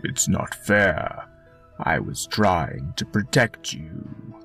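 A man voicing a scheming male shark villain in a bedtime story, with a slow, gravelly drawl. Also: sits low, animated, fairly bright tone, faint music behind, voice pushed down, exaggerated voice. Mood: menacing.

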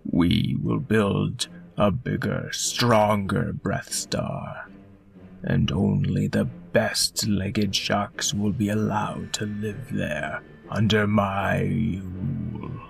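A man voicing a scheming male shark villain in a bedtime story, with a slow, gravelly drawl. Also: fairly low pitch, steady tone, voice pushed down, full character voice. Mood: menacing.

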